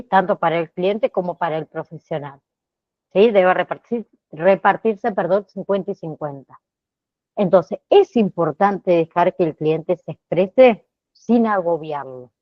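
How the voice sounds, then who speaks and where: A woman's voice: medium pitch, dry recording. A woman teaching an online class. She checks in with her students with a constant "¿sí?", stops to apologize and corrects herself as she goes, and. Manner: checks in with frequent "¿sí?" tags. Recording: slightly dull, dry online-class audio.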